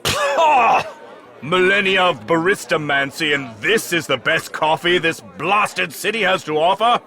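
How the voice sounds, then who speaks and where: An actor playing an imperious, menacing dark sorcerer in a comic fantasy audio drama, with a grandiose, haughty delivery. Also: male voice, on the low side, very animated, a little slow, a faint crowd, full character voice. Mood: outraged, imperious.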